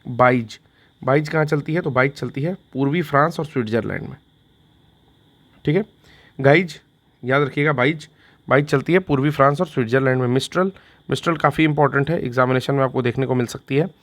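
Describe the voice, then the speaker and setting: A man's voice: mid-range voice, brisk. A man teaching an exam revision lesson in Hindi, repeating each fact and quizzing himself with a question and its answer, with "theek hai" after each point.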